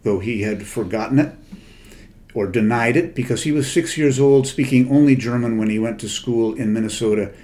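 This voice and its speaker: Speaking warmly in a mid-range voice at a moderate pace, an older literary translator gives a guest lecture in a conversational style. He's thoughtful and prone to digressions, often hesitating and correcting himself.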